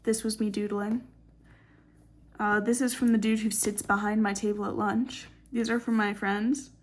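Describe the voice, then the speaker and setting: A woman's voice: medium pitch, level tone, normal speed. A young woman in her late teens giving a casual late-night tour of her sketchbook. She is tired and rambling, joking and swearing in sarcastic asides, in a dim room at night. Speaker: artist showing her sketchbook.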